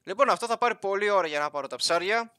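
A man's voice: sits high, animated, pushed and bright, smooth, no echo. A young man casually commentating his Minecraft playthrough, chatting and joking with the villagers and animals in the game. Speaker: gaming YouTuber.

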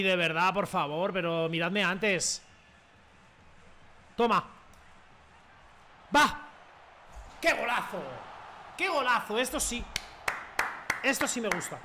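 A young man talks through his football video game as he plays, loose and slangy and quick to shout at the big moments. His voice sits high and sounds bright and edgy. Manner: excitable, slangy, shouts at goals. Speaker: gaming youtuber. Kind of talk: live gameplay commentary.

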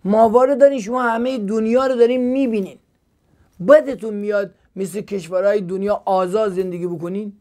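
A man's voice: high voice, fairly even intonation, warm tone. A man, a pastor, preaching on a call-in TV show, speaking with passion and firing rhetorical questions at viewers.

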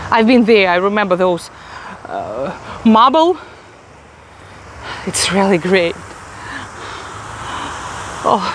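A woman in her forties with a Russian accent, a travel vlogger chatting enthusiastically, with many fillers and pauses, filming on a phone outdoors. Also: on the high side, fairly bright tone, slight background noise. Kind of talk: casual travel vlog narration. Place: outdoors in a city and inside a large mosque.

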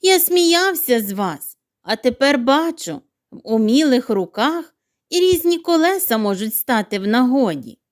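A woman's voice: high-pitched, very animated, a little slow. A woman voicing a mocking young male hare in a children's audio tale. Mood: sheepish. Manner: teasing, then sheepish.

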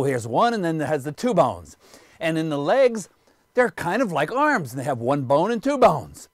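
A man's voice: sits high, no room sound. A man giving a biology lecture, explaining things step by step and pointing them out as he goes.

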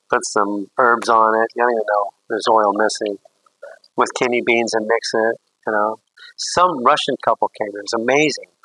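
A man's voice: medium pitch, creaky, sharp tone, no room sound, low-quality recording. A man, a priest, teaching a catechism class in a rambling, anecdotal way with jokey asides.

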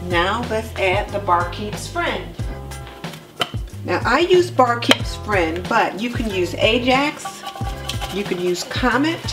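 A woman in her home kitchen, walking viewers through cleaning her sink step by step in a relaxed, practical way. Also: mid-range voice, takes it slowly. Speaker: homemaking vlogger. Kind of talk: cleaning tutorial narration. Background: background music.

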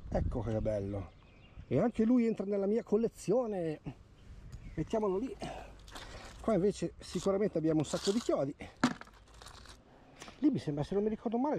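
A man magnet fishing along a river, narrating his finds in an excited, chatty vlog voice. He sits a bit high in pitch with a mellow, darker tone. He keeps repeating words as objects come up out of the water, and there is faint outdoor noise underneath. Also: moderate pace, pauses often. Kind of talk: casual outdoor vlog commentary.

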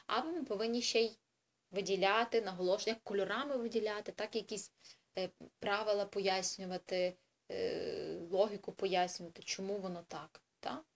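A woman tutoring in a chatty, explanatory way for parents in an informal video lesson, with frequent hesitations and self-corrections. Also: medium pitch. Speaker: English tutor for children.

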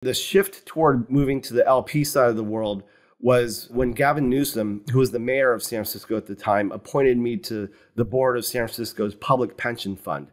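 Seated in a home office with wooden cabinets, a man in his fifties from the U.S. describes his career as a fund founder during an interview over video call. His medium-pitched voice, picked up by the webcam, stays calm and explanatory, with frequent "you know"s.

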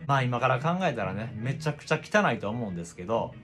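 Guy chatting a story to camera, fast and super animated, bit of guitar music under it. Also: medium pitch. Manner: expressive, conversational, acts out past reactions. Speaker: video presenter. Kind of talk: casual storytelling vlog. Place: small indoor room with records and guitars.

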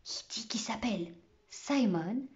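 A woman's voice: on the high side, expressive, unhurried, darkish tone, lo-fi sound. A woman voicing a timid little schoolboy who whispers.

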